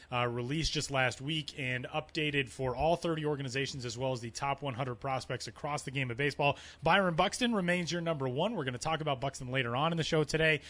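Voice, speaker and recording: A man's voice: on the high side, a bit bright. A man hosting a sports podcast in upbeat, chatty, informal style from a press box booth, with a slightly cave-like sound. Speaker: podcast host. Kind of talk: casual sports podcast chat.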